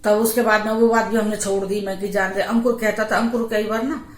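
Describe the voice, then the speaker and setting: A middle-aged woman vlogger with a brisk, medium-pitched voice casually recounts a true haunted story from her family's life. She's animated, acting out what each family member said, and the recording has the echo of a home room.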